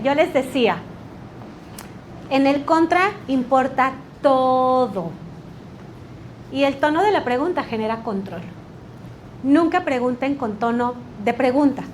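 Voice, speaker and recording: A woman teaching a litigation workshop, energetic and quizzing the class with rhetorical questions. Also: high voice, slight background noise. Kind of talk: workshop lecture.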